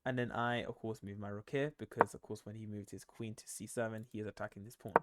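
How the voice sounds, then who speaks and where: A man's voice: on the low side, level tone, quick pace, heavy background noise. A tired young man commenting on his own chess game, thinking aloud with many ums and self-corrections. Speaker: chess streamer.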